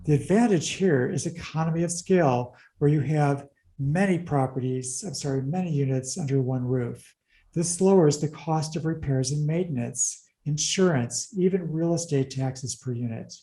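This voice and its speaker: A man explaining real estate figures in an interview, talking fast through the numbers with wry asides. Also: on the high side, dark tone, echoey room, low-quality recording. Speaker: commercial real estate advisor.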